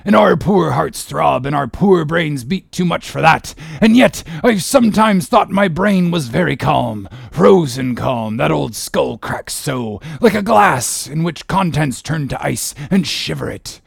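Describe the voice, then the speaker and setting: An old, commanding whaling captain, consumed by obsession. The voice is raised in pitch and heavily gravelled, with a husky rasp. He declaims in grand archaic sea language, as in a storybook drama. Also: lively intonation, unhurried, few pauses, dry recording, studio quality, exaggerated voice. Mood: brooding. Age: older. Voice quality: gravelly, raspy. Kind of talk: dramatic audiobook character reading.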